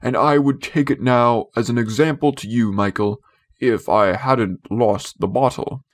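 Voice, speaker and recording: A man's voice: mid-range voice, measured pace, lightly acted. Pompous middle-aged storybook father, played by a male reader, self-important, blustering, sulky. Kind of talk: storybook character voice.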